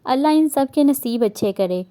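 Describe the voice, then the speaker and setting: A woman's voice: high voice, expressive, dark tone. A woman voicing an older grandfather in a novel reading, tender and sentimental.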